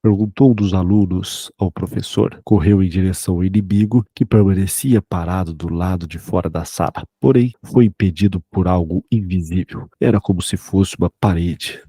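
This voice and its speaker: Husky low-voiced male storyteller. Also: moderate pace, hardly any pauses, mellow, dry recording. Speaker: narrator. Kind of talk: scripted horror narration.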